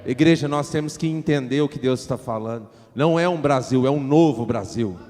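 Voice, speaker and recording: A man preaching in a Pentecostal church with a Brazilian accent, switching between fervent shouted prayer and chatty asides. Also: mid-range voice, fairly quick. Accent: Brazilian Portuguese. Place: church hall. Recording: church hall reverb with faint music.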